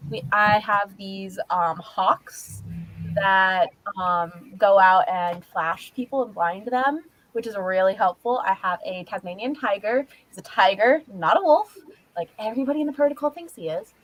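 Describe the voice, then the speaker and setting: A woman's voice: mid-range voice, measured pace, a bit bright, dry recording, poor audio. A woman cosplayer answering questions in character on a livestream, rambling with lots of fillers and hesitations. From Australia.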